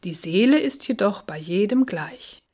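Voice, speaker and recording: A woman voicing a gentle, wise animal friend in a storybook reading, explaining calmly and patiently. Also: mid-range voice, unhurried. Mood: patient, warm.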